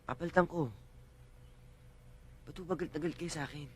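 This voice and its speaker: A young actor playing a guilty nephew who pleads, apologizes and defends himself. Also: male voice, a little high, fairly even intonation, a little fast, darkish tone, natural voice. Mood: pleading. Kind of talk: film drama acting.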